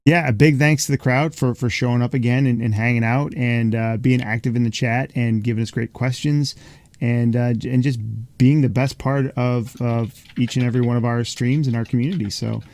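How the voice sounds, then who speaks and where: A man's voice: mid-range voice, steady tone, a little fast, a little mellow, no room sound. A man hosting a casual gaming podcast, talking with many fillers and restarts. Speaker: host.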